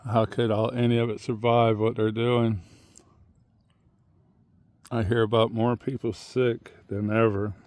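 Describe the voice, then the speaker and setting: A man's voice: mid-range voice, level tone, measured pace, long pauses, a little mellow, dry recording. A man vlogging in a rambling, plain-spoken monologue as he walks outdoors, musing and drifting from one thought to the next. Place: outdoors on a muddy tidal shore.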